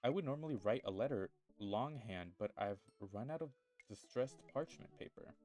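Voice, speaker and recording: A man voicing a haughty, old-fashioned gentleman in a game, speaking in a prim, theatrical way. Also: mid-range voice, animated, normal speed, close to an everyday voice. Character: pompous old-fashioned man with Victorian airs.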